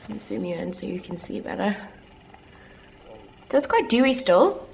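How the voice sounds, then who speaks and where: A young beauty vlogger chats casually and candidly through a makeup tutorial, dropping self-deprecating asides and sounding a little congested as she recovers from the flu. Her medium-pitched voice has lively intonation, vocal fry and a darkish tone at a normal speed. The recording is rough, with a little hiss or hum.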